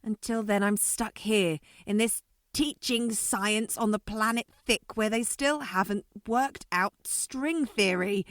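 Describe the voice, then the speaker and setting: A woman's voice: medium pitch, slow, a bit bright, no echo, studio quality. Woman playing a grumbling disguised alien. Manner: complaining, grumbling. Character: grumpy alien in a human skin suit, female. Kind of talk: amateur audio drama.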